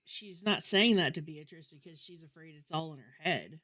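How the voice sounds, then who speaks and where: A woman's voice: sits low, normal speed, a bit bright. A woman co-hosting a podcast in casual chat, often starting with hesitant fillers before she makes her point. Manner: hesitant starts, laughs while recounting. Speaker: podcast co-host.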